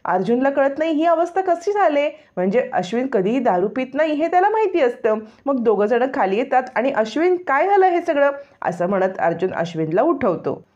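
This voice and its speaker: A woman recaps a TV serial episode with brisk, dramatic storytelling. Her voice sits somewhat high, and the recording is dull and lo-fi. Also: sing-song, a little mellow. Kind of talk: narrating a television serial episode.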